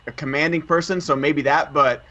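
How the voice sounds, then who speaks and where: A man's voice: fairly high pitch, fairly even intonation, brisk, sharp tone, muffled recording. A young man co-hosting a casual film podcast, chatty, wondering aloud and acting out quotes. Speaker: podcast co-host. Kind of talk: casual movie chat.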